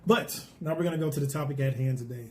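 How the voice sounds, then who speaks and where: A man co-hosting a casual food talk, going through facts in a relaxed, joking way. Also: mid-range voice, fast talker, slight background noise. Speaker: co-host.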